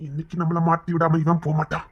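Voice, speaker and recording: A woman acting out a family serial, moving between brotherly scolding and tender coaxing in a husky voice. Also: deep voice, monotone, fast, lo-fi sound. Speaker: storyteller voicing a whole family.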